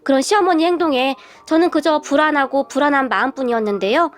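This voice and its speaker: A woman's voice: high-pitched, quick pace. A woman narrating a family story in the first person, in a chatty, confiding way.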